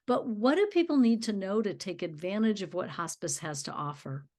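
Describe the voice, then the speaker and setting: A woman with a medium-pitched voice hosts a conversational podcast interview. She talks in a chatty, reflective manner and affirms her guest. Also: lively intonation, moderate pace, a little mellow. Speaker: podcast host.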